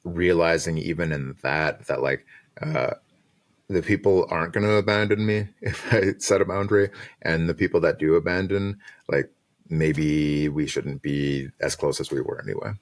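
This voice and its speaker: A man in his thirties with an exceptionally deep, low voice talks through his experiences in a relaxed, reflective way. He laughs easily and fills his sentences with "uh" and "like" as he thinks aloud. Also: normal speed. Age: 30s. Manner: relaxed, reflective, laughs often, many fillers like uh and like. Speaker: design manager and podcast guest. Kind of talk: casual conversational interview.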